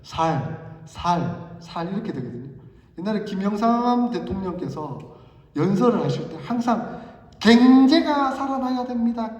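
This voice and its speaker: Pastor, male, high voice, storytelling sermon, heard from afar in a reverberant sanctuary. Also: darkish tone. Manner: storytelling, playful with dialect examples, talks to congregation. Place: church sanctuary. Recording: echoey hall, voice from far off. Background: long hall reverb.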